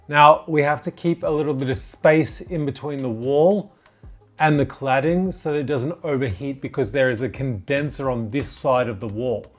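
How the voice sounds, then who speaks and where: A man's voice: medium pitch, moderate pace, faint music behind. A man presenting a DIY build in casual vlog chat, with a jokey, self-deprecating way of talking.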